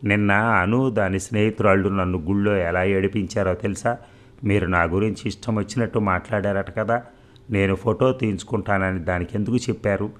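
Male reader as shy village girl, low-pitched, audiobook novel. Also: steady tone, fairly quick, natural voice. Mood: tearful. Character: timid, hurt young village girl.

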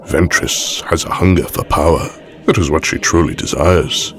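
A man playing an evil elderly aristocratic count, measured, formal and silkily menacing, in a fan audio drama. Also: a bass voice, steady tone, soft background music. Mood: cold, measured. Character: evil elderly aristocratic Sith count, calmly manipulative villain.

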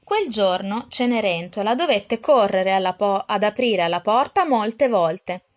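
A woman reading a fairy tale aloud for a children's dance class, calm and expressive. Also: mid-range voice, a little slow. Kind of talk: storybook read-aloud.

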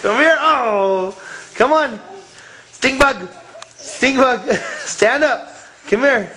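A woman's voice: a little high, animated, very slow, a bit bright, rough recording. A mother filming her baby, coaxing him in playful baby talk. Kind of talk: casual family vlog.

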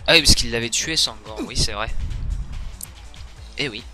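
A man's voice: medium pitch, moderate pace, music in the background. A young man giving casual let's-play commentary, joking and trash-talking the game with crude humor. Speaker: gaming YouTuber.

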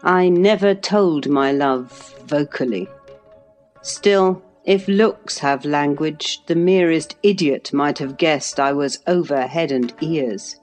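Woman narrator, low voice, measured literary reading, faint music behind. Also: a little mellow. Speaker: audiobook narrator. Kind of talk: reading a classic novel aloud.

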